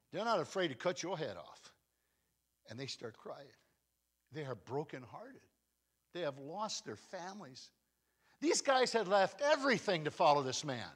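A man preaching a sermon as a guest pastor, telling a story with dramatic swings from loud to hushed. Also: fairly high pitch, breathy edge.

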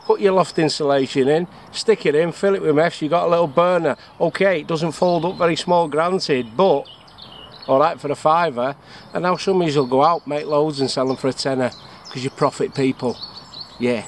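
This bushcraft vlogger, a chatty, jokey middle-aged Englishman, walks through his gear at a woodland camp, asking questions only to answer them himself. He speaks at a moderate pace in a slightly high voice. It's captured on an action camera, chest-mounted or on a tripod, with birdsong and faint outdoor noise.

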